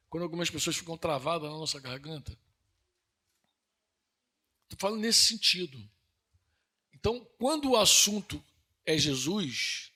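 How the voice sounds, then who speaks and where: Bright, husky Brazilian Northeastern preacher man. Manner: earnest, conversational preaching with rhetorical questions; rises to emphatic high-pitched peaks. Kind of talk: sermon.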